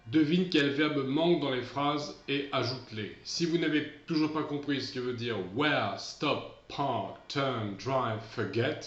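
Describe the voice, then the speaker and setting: A man's voice: medium pitch, a little slow, few pauses, fairly bright tone, echoey room, muffled recording. A man teaching an English lesson to pupils at home, explaining patiently, repeating himself and restarting his phrases. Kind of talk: recorded remote lesson.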